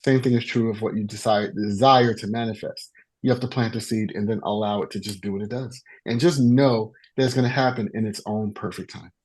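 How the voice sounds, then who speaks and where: Calm man musing on life philosophy. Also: on the low side, a little fast, slightly rough. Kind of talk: reflective casual talk.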